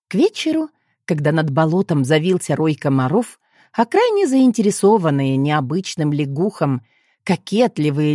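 A woman reads a comic fairy-tale aloud with a playful, expressive delivery. Her voice is fairly low but moves through a wide, animated range. It is recorded close and dry, with no room sound. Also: dry recording. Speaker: audiobook narrator. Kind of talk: storybook narration.

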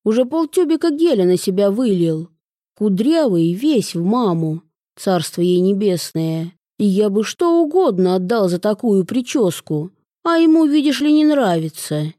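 Jokey middle-aged uncle, chummy and teasing, read by a woman, mellow tone. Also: mid-range voice, big pitch swings, measured pace, no echo, clean studio sound. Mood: fond grumbling. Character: cheerful joking middle-aged man, 43.

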